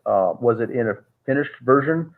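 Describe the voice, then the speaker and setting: With lively intonation, medium pitch and normal speed, a man on an interview call recounts a long story in rambling fashion. He says "uh" often and restarts repeatedly, and the call audio is tinny, like a phone line.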